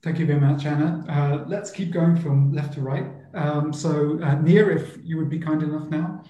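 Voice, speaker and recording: Halting male moderator in a roomy echo. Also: fairly high pitch, fairly even intonation, dark tone, dull audio. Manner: halting, frequent ums and uhs. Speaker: panel moderator. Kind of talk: hosting an online panel.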